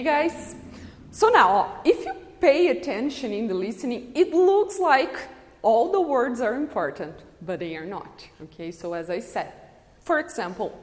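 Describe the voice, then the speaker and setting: A woman English teacher, explaining a lesson and checking in often with "okay?". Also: on the high side. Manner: switches between English and Portuguese, checks in with "okay?". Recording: long reverb.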